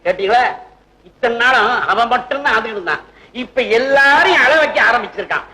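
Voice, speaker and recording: A fussy, fed-up man in an old film comedy. His voice is high and bright, and he sounds put upon and complaining. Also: expressive, a little fast, heavily acted, low-quality recording. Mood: exasperated. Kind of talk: 1960s film comedy acting.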